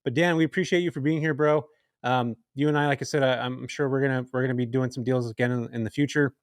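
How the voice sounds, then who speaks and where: A man's voice: medium pitch, steady tone, fast, dry recording, clean studio sound. A man hosting a podcast, laid-back and friendly, closing out the episode in casual talk. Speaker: podcast host.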